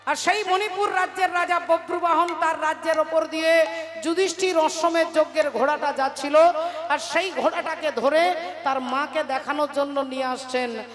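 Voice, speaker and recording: A woman's voice: high-pitched, fairly even intonation, normal speed. A woman kirtan performer narrating a devotional story to devotees in an emphatic, direct way. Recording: reverberant hall, faint music.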